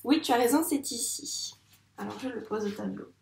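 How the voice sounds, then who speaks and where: A woman teaching a reading lesson to young children in a patient, encouraging way, sounding out words slowly at the board. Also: a little high, creaky, darkish tone, reverberant, slight background noise. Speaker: primary school teacher. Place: classroom with a board.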